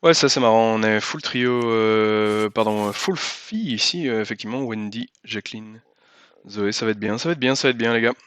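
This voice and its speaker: A man's voice: fairly low pitch, moderate pace, a bit bright, clear, resonant tone, no room sound. A man giving casual gameplay commentary, thinking aloud as he explains rules and moves and repeating himself for emphasis. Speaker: host and player of a cooperative card game.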